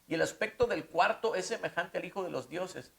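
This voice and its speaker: A man's voice: sits high, fairly quick, vocal fry, fairly bright tone. A man preaching a conversational Bible-study sermon, often putting rhetorical questions to the listener.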